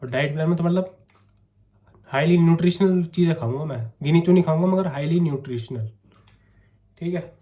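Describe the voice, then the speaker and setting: A man's voice: fairly high pitch, fairly quick, pauses often, warm tone, dull audio. A young man with a sore, coughing throat, chatting to camera in a casual vlog and coaxing his viewers. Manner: chatty, coaxing, keeps saying "theek hai". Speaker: vlogger.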